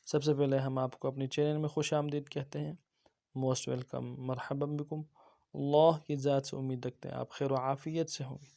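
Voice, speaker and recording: A man teaching Quran reading in an online lesson with a Pakistani Urdu accent, drawing out syllables slowly as drills. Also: mid-range voice, flat delivery, creaky, warm tone. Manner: slow drawn-out syllable drills.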